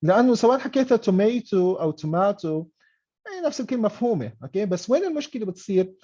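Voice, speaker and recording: A man's voice: sits high, sing-song, racing, mellow, slightly rough. Man teaching English on a dull online call. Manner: mixes English and Arabic, frequent "okay?" checks. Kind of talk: online class explanation.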